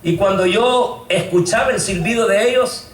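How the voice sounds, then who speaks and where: A man's voice: high voice, moderate pace. A man from El Salvador giving an earnest, emotional testimony in church, often calling his listeners brothers. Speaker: testimony speaker. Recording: roomy echo, distant mic, faint noise.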